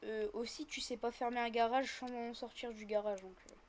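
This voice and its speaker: A female host of gaming roleplay videos improvises a roleplay while playing, chattily narrating each action as it happens. Her mid-range voice has fairly even intonation at a normal speed. Crowd noise can be heard behind her.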